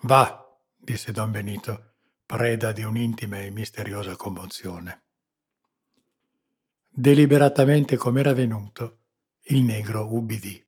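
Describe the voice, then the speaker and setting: Husky man, measured narration, literary audiobook. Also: fairly low pitch, steady tone, warm tone.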